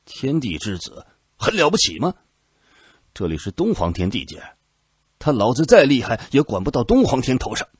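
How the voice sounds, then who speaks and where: A man's voice: fairly low pitch, huge pitch swings, moderate pace, long pauses, husky, dry recording, studio quality, heavily acted. A man voicing a hot-tempered army general who curses and bellows his orders. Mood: furious. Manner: bellowing, cursing, explosive.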